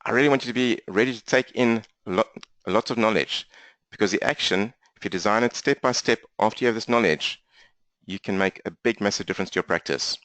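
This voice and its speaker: A man with a strong South African accent, speaking fast and energetically as he leads a live online training session from his laptop. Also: fairly low pitch, dry recording. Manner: fast-talking, energetic, interactive. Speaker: business coach for accountants. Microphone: laptop mic.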